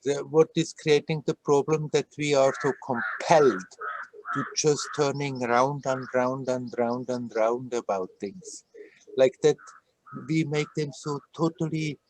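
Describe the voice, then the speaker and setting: A man giving a spiritual satsang talk on a video call, gentle and laughing often as he speaks. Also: medium pitch, steady tone, measured pace, dry recording, low-quality recording. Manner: gentle, laughs often, repeats words playfully. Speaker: spiritual teacher.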